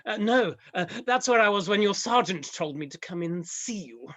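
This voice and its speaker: A jittery, stammering country vicar, played by an actor on stage, tripping over his words with nervous little laughs. His voice is bright and sharp and swings lively up and down. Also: sits high, normal speed, highs cut off. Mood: evasive. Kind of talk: stage murder-mystery acting.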